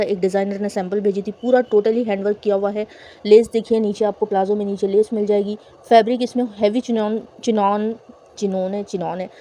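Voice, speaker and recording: A woman's voice: mid-range voice, mellow. A woman who runs a boutique and works as a lecturer, walking viewers through designer outfits in a chatty sales style full of fillers. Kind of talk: product showcase talk.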